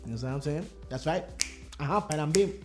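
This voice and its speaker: Brief: male podcast co-host, lively storyteller with a fairly high voice, faint music behind. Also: quick pace. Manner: animated, laughing, retells stories with acted voices. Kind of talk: casual podcast chat.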